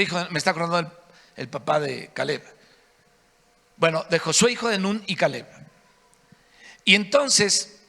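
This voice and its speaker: Mexican man preaching, high-pitched for a man, gravelly edge, lively storytelling, reverberant church hall. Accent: Mexican Spanish. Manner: animated storytelling, acting out the quoted voices. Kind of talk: sermon.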